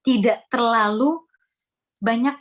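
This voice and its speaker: A woman's voice: a little high, slow pace. An Indonesian woman giving a community workshop lecture on presentation skills, explaining step by step with frequent "ya" and "nah" tags.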